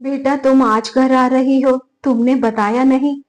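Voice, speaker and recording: Narrator doing a gentle, quiet old mother-in-law in a storybook, soft and submissive, fairly high voice. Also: steady tone, measured pace. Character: meek, tearful elderly mother-in-law.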